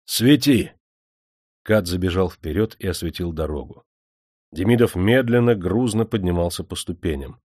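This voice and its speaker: A man narrating a story in a measured, grave storytelling voice. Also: sits low, darkish tone, no room sound, studio quality. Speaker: audiobook narrator.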